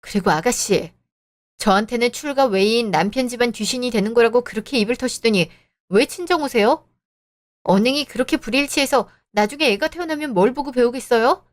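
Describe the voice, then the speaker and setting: A woman's voice: fairly high pitch, a little fast, lightly acted. Woman voicing a defiant young daughter-in-law. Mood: cutting. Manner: cold, cutting retorts. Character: young married woman, sharp-tongued, defiant. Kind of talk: scripted audio drama.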